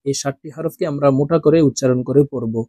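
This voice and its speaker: A man teaching Quran reading in a recorded video lesson. He recites letters in a slow, drawn-out, melodic way with careful pronunciation and speaks directly to his viewers. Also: medium pitch, steady tone, mellow, slightly rough, no echo, studio quality. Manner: instructive, addresses viewers directly.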